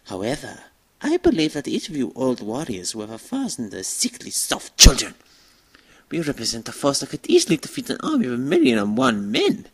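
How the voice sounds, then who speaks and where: A woman voicing a gleeful, fanatical vampire military commander giving a grandiose, theatrical villain speech in a fan dub, with a husky voice. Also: low-pitched, wildly swooping pitch, a little fast, full character voice, low-quality recording. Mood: menacing, rousing. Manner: grandiose, savoring, emphatic oratory. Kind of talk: theatrical dramatic villain monologue, rallying speech.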